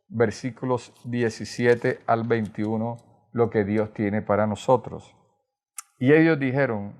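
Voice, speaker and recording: A man's voice: mid-range voice, darkish tone. A man from Colombia with a Colombian Caribbean accent, preaching a sermon as pastor, earnestly retelling scripture with tag questions. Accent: Colombian Caribbean Spanish.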